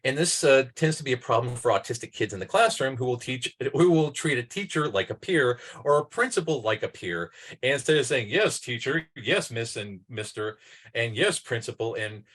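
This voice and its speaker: A man of average pitch lecturing to fellow clinicians on a video call. His delivery is informal and tangential, with many "uh" fillers and sudden emphatic lifts when a point excites him. He sounds like a presenter following his thoughts rather than a script. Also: a little fast. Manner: tangential and digressive, with frequent "uh" fillers. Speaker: clinician presenting to mental health providers.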